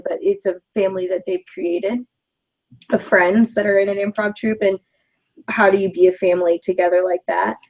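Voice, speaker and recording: A chatty woman co-hosting a casual podcast, with a voice of middling pitch. Her talk is upbeat, with frequent laughter. The audio is a bit dull and lo-fi. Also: a little mellow. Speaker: podcast co-host. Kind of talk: casual chat.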